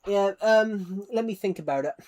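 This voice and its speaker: Reading viewer comments aloud between moments of play, a streamer chats in a meandering, self-mocking way, tripping over and repeating his words. He speaks at normal speed in a high, slightly mellow voice.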